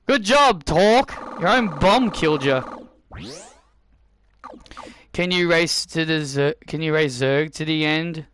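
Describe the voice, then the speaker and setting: A man's voice: a little high, slow, pauses often, fairly bright tone, slight background noise. A man giving casual video game commentary, often repeating and rephrasing his own phrases. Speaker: gameplay commentator.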